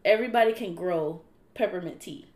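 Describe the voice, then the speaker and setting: A woman guest in a casual faith chat, speaking in a relaxed, affirming way and thinking aloud. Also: lowish voice, brisk. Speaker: podcast guest.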